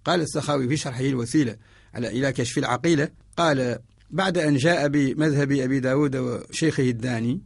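A man from Mauritania giving a radio lesson on Quran orthography. He explains each point in a measured way and chants the verses he quotes. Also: medium pitch, vocal fry, slightly rough, dry recording, clean studio sound.

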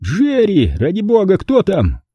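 A fussy, irritable man , as a male reader plays him in a storybook reading, with a snappish, testy delivery pitched well above the reader's own. Beneath the raised pitch the voice stays husky. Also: huge pitch swings, moderate pace, no echo, dull audio, full character voice. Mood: anxious.

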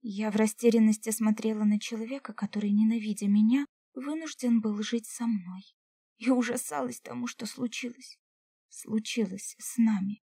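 A woman's voice: a little high, fairly even intonation, moderate pace, creaky, mellow, dry recording, studio quality. A woman narrating a first-person audiobook in an emotional way, at times dropping to a whisper.

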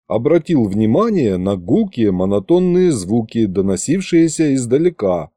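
A man reading a first-person audiobook in an expressive, lively way. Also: mid-range voice, dry recording, clean studio sound. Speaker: audiobook reader.

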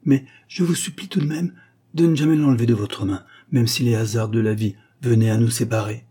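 A man's voice: medium pitch, dark tone, husky, close to an everyday voice. A man voicing a timid, poor young clerk who speaks tenderly and hesitantly. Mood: timid, wistful. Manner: timid, halting.

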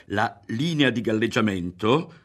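A man's voice: medium pitch, brisk, pitched above the performer's own voice, natural voice. A man reading an audiobook voices a scheming teenage boy who presses his friend with urgent questions. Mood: insistent.

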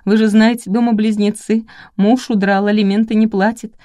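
A woman's voice: mid-range voice, little pitch movement, normal speed, dark tone, no room sound, clean studio sound, pitched above the performer's own voice, natural voice. A woman reading the part of a timid young female assistant in an audiobook, speaking in a trembling, tearful voice.

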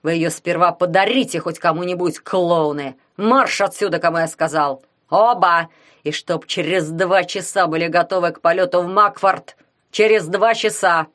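Woman putting on a furious gruff old coach. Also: on the low side, moderate pace, close to an everyday voice. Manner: shouting, scolding.

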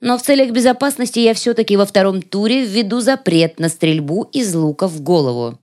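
An imperious dark elf matriarch, as read by a man speaks in a raised, cooler voice that sounds different from his usual tone. She is calm, icy and used to obedience. This is a storybook reading. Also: high-pitched, brisk, voice pushed up. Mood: cold commanding. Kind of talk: audiobook character voicing.

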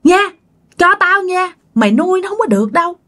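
A woman's voice: very high voice, big pitch swings, brisk, fairly bright tone, voice pushed up, full character voice. A woman voicing a toothless old female ghost who grins and taunts, repeating her demands. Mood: taunting.

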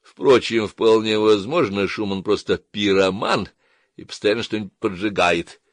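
A man reading an audiobook voices a gruff older male detective in a grumbling, thoughtful manner. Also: on the low side, a little slow, no echo, clean studio sound, natural voice.

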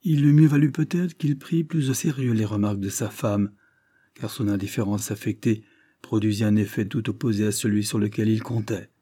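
A man narrating a classic novel as an audiobook, in a measured, even delivery. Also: lowish voice.

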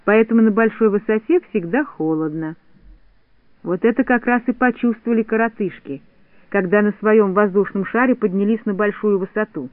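A man reads a children's story aloud with clear, even storytelling. His voice sits unusually high for a man, and the sound is dry and narrow like a telephone line. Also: moderate pace, dry recording. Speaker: audiobook narrator.

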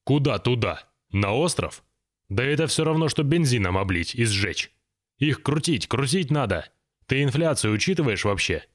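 Мужчина озвучивает грубого раздражённого босса. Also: male voice, mid-range voice, animated, moderate pace, lightly acted. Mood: heated. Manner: blunt, coarse, impatient. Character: gruff irritable male businessman boss.

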